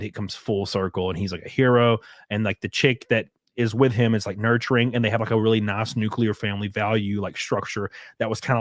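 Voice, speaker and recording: A man's voice: fairly low pitch, no echo, studio quality. A man hosting a casual podcast chat, rambling and ranting with lots of filler words. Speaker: host.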